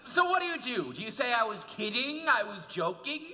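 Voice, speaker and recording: A man's voice: very high voice, very animated, fairly quick, noisy background. A man playing a wistful narrator who muses and confides to the audience, in a stage musical. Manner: chatty, musing, confiding to the audience. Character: wistful man narrating a favorite cast album. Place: school auditorium stage. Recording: roomy hall taped from far off.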